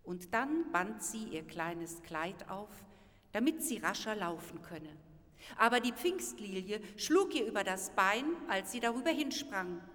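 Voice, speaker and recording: A woman reading a fairy tale aloud in a slow, hushed, deliberate way. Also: mid-range voice. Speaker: storyteller. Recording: reverberant with violin music behind.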